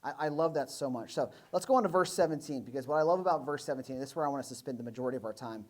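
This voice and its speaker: A man's voice: mid-range voice, racing, a little mellow. A young adult man preaching a sermon in a church, talking in a casual, conversational way and acting out voices of the people in the story. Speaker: pastor.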